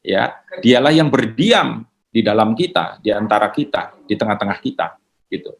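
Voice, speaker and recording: A man answering questions in a relaxed, conversational teaching manner, mixing in English words. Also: lowish voice, normal speed, gravelly. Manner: casual, mixes in English words.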